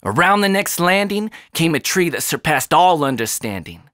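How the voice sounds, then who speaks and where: A man's voice: a little high, normal speed, no echo. A man in his thirties performing a rhymed spoken word poem into a studio microphone, with rhythmic, emphatic delivery. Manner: rhythmic, expressive rise and fall, emphatic line endings. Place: small bright home studio, indoors. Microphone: studio condenser mic on stand.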